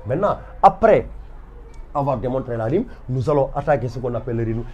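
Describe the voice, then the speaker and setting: A man's voice: mid-range voice, expressive, fairly quick, darkish tone, muffled recording, a little hiss or hum. A man with a Senegalese French accent teaching a literature lecture, walking students through examples step by step and stressing each point over and over. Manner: emphatic and repetitive, stepping through examples.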